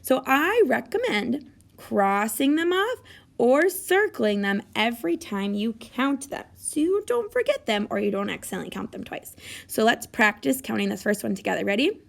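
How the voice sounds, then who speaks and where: A woman kindergarten teacher walks young children through a recorded math lesson in a bouncy, sing-song way. Her voice sits a little high, with a gravelly fry under it. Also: sing-song, normal speed.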